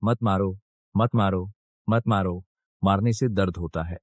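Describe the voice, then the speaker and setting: A man voicing a simple-minded grown son who begs in a slow, childlike whimper. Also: sits low, fairly even intonation, no room sound, clean studio sound. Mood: frightened. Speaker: dubbing actor. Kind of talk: Hindi drama dub.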